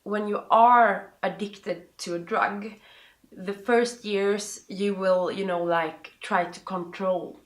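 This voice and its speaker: Woman, Swedish accent, native Swedish speaker, slow pace, halting interview answers with searching pauses, roomy echo. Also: mid-range voice, fairly even intonation. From Sweden. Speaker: interview guest. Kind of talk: interview answers, personal advice. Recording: roomy, echoing sound.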